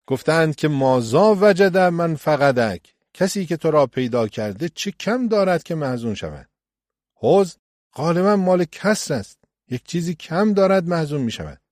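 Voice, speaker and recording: A man gives a religious lecture in a measured teaching tone. His pitch rises and falls freely, and he slows down whenever he recites scripture. The sound is dry and close, with no room echo. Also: lively intonation, a little mellow. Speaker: cleric.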